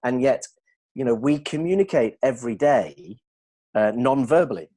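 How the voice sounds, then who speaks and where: A middle-aged man talking as a communication trainer, steady and explanatory. His voice sits at an ordinary middle pitch, and he keeps a teaching manner as he talks. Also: moderate pace. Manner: steady, explanatory, demonstrates tones of voice. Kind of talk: explanatory discussion.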